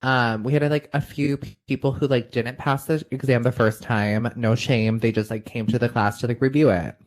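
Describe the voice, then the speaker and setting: A man's voice: mid-range voice, steady tone, normal speed. A man co-hosting a podcast, telling a story in a casual, rambling way full of fillers and restarts, over a remote call. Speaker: podcast co-host. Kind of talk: casual chat.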